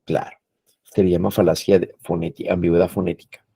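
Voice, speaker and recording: A man's voice: low-pitched, little pitch movement, fast, warm tone, husky, no echo. A man giving an explanatory lecture as a teacher, explaining patiently and often adding "no?" and "eh" as he talks. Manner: explains patiently with frequent "¿no?" and "eh" tags.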